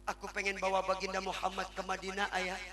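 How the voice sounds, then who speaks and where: A man's voice: sits high, monotone, quick pace. A male preacher voicing a tearful widowed mother who speaks tenderly and soothingly to her small son. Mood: pleading. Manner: tender, soothing, repeating gently. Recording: sermon with loud music behind.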